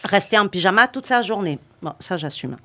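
A woman's voice: mid-range voice, expressive, a little fast, crowd noise. A woman reading a playful, self-mocking radio column and bantering with the studio.

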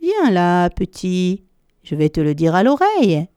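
A sly, hungry crocodile, as a woman storyteller puts him on, speaking low and hushed to coax his prey closer. The storybook voice is dry and close. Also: very animated, a little slow, clean tone, dry recording.

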